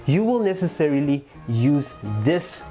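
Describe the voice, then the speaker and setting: Speaking directly to the audience, a motovlogger of indeterminate sex gives a casual, talkative gear tutorial over background music. The delivery is sing-song and unhurried, with a warm tone at medium pitch.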